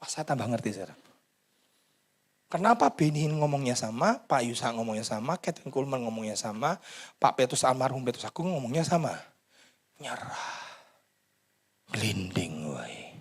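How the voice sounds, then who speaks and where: A pastor delivering a charismatic sermon, swinging from shouted pleading to hushed whispers. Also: male voice, mid-range voice, animated, a little fast.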